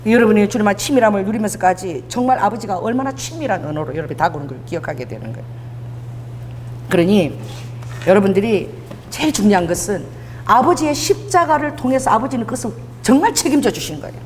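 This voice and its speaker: Animated woman pastor preaching. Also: medium pitch, fast talker, long reverb tail, slight background noise. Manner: animated storytelling with laughter. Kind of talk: sermon.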